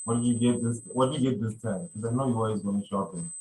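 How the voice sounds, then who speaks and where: This podcast host has a lowish, warm voice and talks at a quick pace in casual conversation. He rambles, repeats phrases and says "you know" frequently, captured on a low-quality recording.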